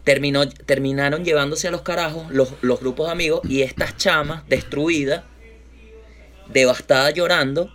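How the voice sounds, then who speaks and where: A man's voice: a little high, moderate pace. A man with a Venezuelan accent telling a casual, slang-heavy anecdote on a chat show. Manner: lively anecdotes full of slang, acts out quoted voices.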